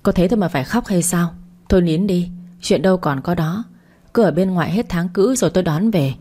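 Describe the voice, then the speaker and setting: An exasperated young husband, as a woman narrator voices him, snapping in clipped, sharp sentences. The voice sits low and mellow. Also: a little fast, lightly acted. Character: angry young husband defending his wife.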